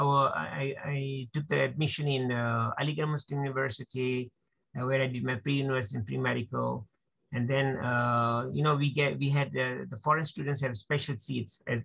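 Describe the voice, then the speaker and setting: A man in his sixties from Kenya, a doctor speaking as an interview guest over a video call, halting and repeating words as he talks. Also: mid-range voice, vocal fry, a bit bright. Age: 60s. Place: small room at home, indoors. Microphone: laptop mic on video call. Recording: dull lo-fi video call audio.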